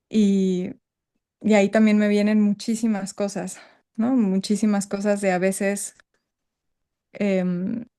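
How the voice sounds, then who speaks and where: A woman's voice: medium pitch, darkish tone, smooth. A woman speaks on a group video call, her voice sitting in an ordinary middle range. She is stirred up and keeps reaching for the right words, frank and reflective as she shares with the group. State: emotionally stirred. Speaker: workshop participant. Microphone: video call microphone.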